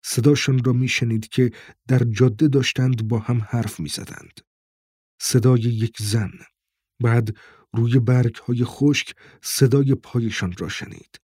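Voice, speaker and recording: Husky male audiobook narrator. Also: medium pitch, steady tone, darkish tone, no echo, clean studio sound. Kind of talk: scripted narration.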